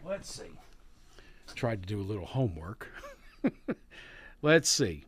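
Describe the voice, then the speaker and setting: A man hosting a live morning radio show, chatting in a halting, folksy way from the studio and calling listeners neighbor. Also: on the low side, very animated. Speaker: radio host. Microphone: studio mic.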